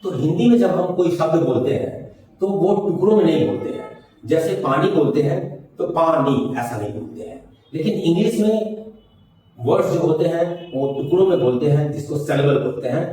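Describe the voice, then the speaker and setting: A man's voice: on the high side, expressive, normal speed, dark tone. Older man teaching in an echoey room. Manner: explains patiently, drilling words and mixing English with Hindi. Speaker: English teacher. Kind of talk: classroom spoken-English lesson. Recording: very echoey room, mic far off.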